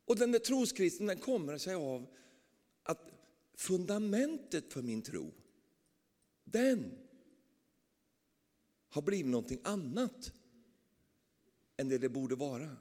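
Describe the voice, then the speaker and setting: Male preacher, animated storytelling, lively pitch, long hall reverb. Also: pauses often. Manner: animated storytelling, tag questions. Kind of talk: sermon.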